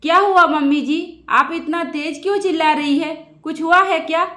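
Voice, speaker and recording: A woman's voice: very high voice, normal speed, bright, forceful tone. A woman voicing a defiant young daughter-in-law who scolds in an angry outburst. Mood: pleading.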